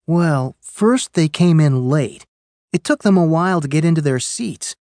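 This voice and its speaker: Woman, scripted learner dialogue. Measured and plain, with a warm, lower voice. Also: lively intonation, no echo.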